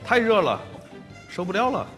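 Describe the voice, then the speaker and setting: A man's voice: sits high, big pitch swings, normal speed, long reverb tail, music in the background. A middle-aged man hosting a dating show on a studio stage, speaking off the cuff into a headset mic.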